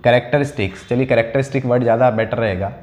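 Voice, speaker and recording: A man's voice: mid-range voice, a little mellow, a little hiss or hum. Man lecturing in an echoey room. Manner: explains step by step, asks himself questions and answers them; slows down to dictate key lines. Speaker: chemistry teacher. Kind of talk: classroom lecture.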